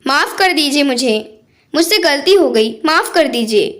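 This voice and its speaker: A woman's voice: sits high, animated, moderate pace, fairly bright tone. A woman voicing a sneaky young wife in a storybook tale who talks slyly and defensively. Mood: pleading. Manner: sly, defensive.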